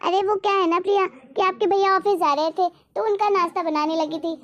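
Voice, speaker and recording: Woman voicing a meek, high young daughter-in-law. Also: steady tone, a little fast, dull audio. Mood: apologetic. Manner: soft, apologetic.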